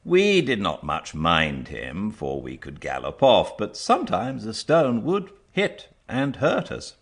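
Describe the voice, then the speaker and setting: Deep voiced guy reading a storybook slowly, lots of up and down, bit husky. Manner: measured, expressive storytelling. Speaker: audiobook narrator. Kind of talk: expressive scripted storybook narration.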